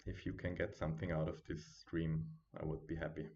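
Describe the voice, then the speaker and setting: A man with a deep, low voice gives live trading commentary from home. He thinks aloud over the charts and chats easily with his viewers. His built-in computer mic makes him sound quiet and dull. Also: flat delivery, fairly quick, gravelly. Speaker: day trading streamer.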